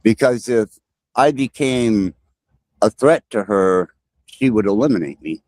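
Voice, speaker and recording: Male guest, slow and earnest, lowish dry voice. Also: animated, a little mellow, no echo. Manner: slow, halting and insistent. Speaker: guest describing his AI companion. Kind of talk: earnest podcast discussion.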